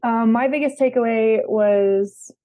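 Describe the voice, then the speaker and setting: A young woman answering interview questions in a relaxed, casual way, laughing easily. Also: fairly high pitch, a little slow. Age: young adult. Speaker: guest, beach volleyball player.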